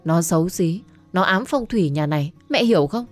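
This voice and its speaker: Narrator putting on a sloppy drunk gambler son, whiny and selfish, in an audio story. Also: female voice, lowish voice, lively intonation, brisk, soft background music, natural voice. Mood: spiteful. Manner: slurred, whiny, demanding.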